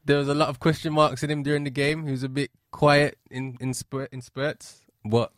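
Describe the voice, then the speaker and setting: Young male, London accent, relaxed-format panel chat, dry close recording. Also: a little high, moderate pace, dry recording. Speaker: football podcast panellist. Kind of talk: casual chat.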